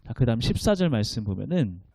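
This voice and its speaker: A man preaching as a pastor, his pitch swinging widely as he acts out the voices of the people in his scripture passage. His tone is dark and mellow, and the sound is dry and close, with no room echo. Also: fast talker, vocal fry. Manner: animated preaching, acts out quoted lines in a voice of God and Sarah; leads the congregation in reading scripture aloud. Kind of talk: Sunday sermon.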